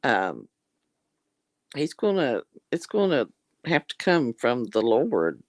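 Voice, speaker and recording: This vlogger is a woman with a slow, gravelly voice that is giving out, so she clears her throat as she reads viewer comments in a relaxed live chat. Her voice rumbles low and swings widely in pitch, captured dry at studio quality. She is folksy, calls people honey and darlings, and her religious streak shows in frequent cries of "Lord have mercy."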